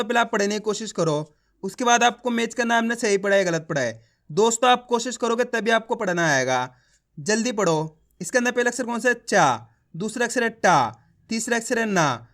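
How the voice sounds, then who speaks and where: A man's voice: extremely high pitch, a bit bright. A man teaching reading online, sounding out words syllable by syllable, drawing out each finished word, and coaxing the viewer directly.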